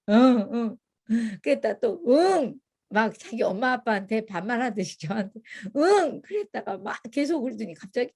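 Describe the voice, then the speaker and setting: An older woman teaching a church parenting class, telling stories in a lively way and acting out what people said. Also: fairly high pitch. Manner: lively storytelling, acting out quotes. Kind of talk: church parenting lecture with anecdotes.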